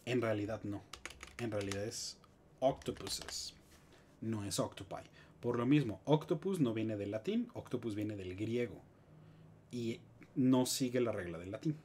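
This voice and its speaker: A man with a Mexican Spanish accent, teaching English grammar in a live stream with lively explanations and joking asides. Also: fairly low pitch, normal speed, a little hiss or hum.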